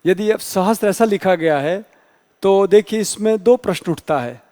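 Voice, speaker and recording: A man's voice: high voice, normal speed, warm tone, big-room sound. A male teacher giving an exam-prep grammar lecture, explaining patiently and spelling out letters one by one.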